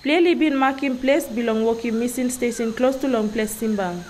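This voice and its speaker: A woman's voice: a little high, moderate pace, a little mellow. A woman reading scripted documentary narration. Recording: clear background noise with insects.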